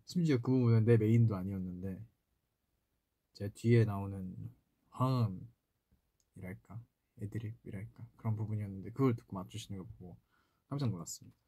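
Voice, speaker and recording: Seated at a desk in a small room, an idol singer in his twenties hosts a playful solo livestream, answering fan comments in casual chat. He speaks in a lowish, warm voice with a breathy edge, at a moderate pace with long pauses, on a dry recording.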